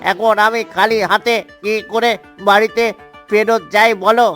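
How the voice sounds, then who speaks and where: A man's voice: high voice, level tone, a little slow, a bit bright, soft background music. A man voicing a father duck who speaks steadily while searching for his lost duckling. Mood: worried.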